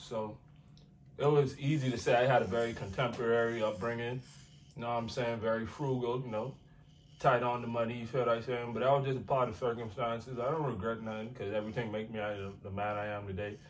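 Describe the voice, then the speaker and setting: This young American rapper has a mid-range voice and speaks with a flat, brisk delivery in a casual interview. He's laid-back and slangy, leaning on fillers like "like" and "you feel what I'm saying." The mic is distant, with slight background noise.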